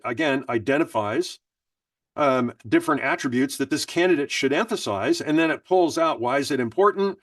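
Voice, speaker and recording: A man's voice: a little high, dry recording, recorded from a distance. A man presenting a webinar, casually explaining and reading prompts aloud. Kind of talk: instructional webinar talk.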